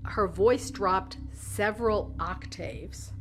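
Woman recalling events for a documentary, mid pitch, faint music beneath. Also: takes it slowly. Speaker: documentary interviewee. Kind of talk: interview recollection.

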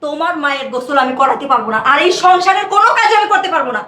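A woman acting out a spoiled, arrogant young wife with a very high, bright voice that rattles off mocking retorts at speed. The scene sounds like it was taken in an echoey room. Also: animated, rapid-fire. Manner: mocking, defiant. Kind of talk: short-film drama acting.

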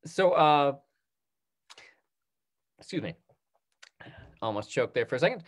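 This thirty-something man moderates a relaxed Q&A panel on a video call, speaking through the call's microphone. He sounds animated, his pitch leans high, and he takes his time.

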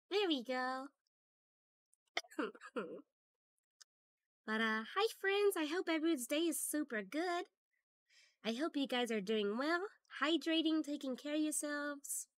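A woman streamer, hoarse from a cold, chatting casually with her viewers and greeting them by name. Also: high-pitched, animated, slow, long pauses, no room sound.

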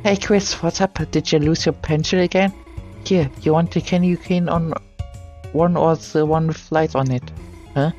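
A man voicing a shy, kind young female reindeer student, soft and polite. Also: a little high, fairly even intonation, moderate pace, dull audio, soft background music, close to an everyday voice.

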